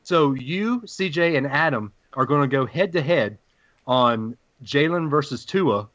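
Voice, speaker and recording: A man with a deep Southern US accent hosting a casual sports podcast in a folksy, playful showman's way. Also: lively intonation, unhurried, fairly bright tone, no echo, muffled recording.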